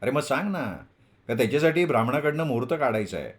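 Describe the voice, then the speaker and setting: A man's voice: mid-range voice, very animated, fast talker, lightly acted. A man reading a novel aloud, voicing an impatient, teasing young male student close to his own voice.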